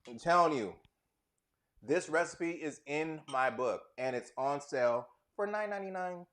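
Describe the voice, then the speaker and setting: A man's voice: a little high, expressive, moderate pace. A man hosting a live cooking stream, chatting loosely and joking while he tastes the food. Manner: loose, joking, talks with mouth full. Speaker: cooking show host. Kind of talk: casual live cooking chat.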